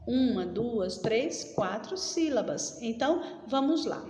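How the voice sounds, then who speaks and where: A woman's voice: on the high side, lively intonation, takes it slowly, a little mellow. A woman, a schoolteacher giving a recorded lesson to children, explaining patiently and checking in with questions. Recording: roomy echo with long reverb and faint noise.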